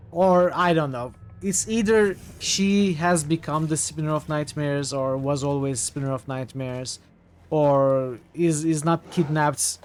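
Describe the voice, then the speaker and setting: Higher-voiced man musing over a game. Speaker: video game player. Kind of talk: casual playthrough commentary. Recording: faint music behind the voice.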